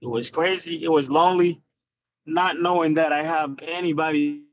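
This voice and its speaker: His voice is a little high and steady, at a moderate pace, with slight background noise. He's a Nigerian guest fighter in his twenties, answering casual interview questions on a video call from a parked car, earnest, reflective and full of fillers. The phone camera gives dull lo-fi video call audio.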